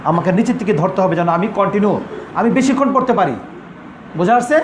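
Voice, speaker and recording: Male recitation teacher, high voice, patient syllable drills, echoey room with crowd noise. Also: lively intonation, fast talker. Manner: drills sounds, repeats syllables, checks understanding. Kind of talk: Quran pronunciation class.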